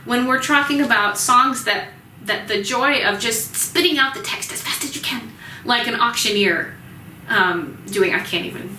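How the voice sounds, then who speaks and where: Her voice a little high and sharp, a woman teaches music history in a chatty lecture laced with ums, now and then acting out sounds like vendor cries and hen clucks for fun. It's a low-quality recording, far from the mic, roomy, with a little hiss or hum.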